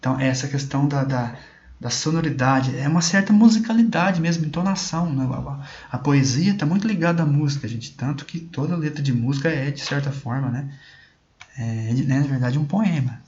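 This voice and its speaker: A man's voice: mid-range voice, a little mellow. Male teacher, chatty online class, faltering repeats, lo-fi muffled sound. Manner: chatty, checks in often with "tá?" and "né?"; halting, repeats words while thinking. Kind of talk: explaining a poem in an online class. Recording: dull lo-fi recording with faint noise.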